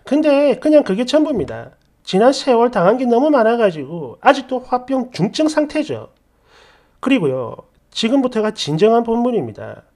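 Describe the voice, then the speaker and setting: Lively woman reading a story aloud. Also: a little high, normal speed. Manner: expressive, conversational storytelling. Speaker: story narrator. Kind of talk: first-person story narration.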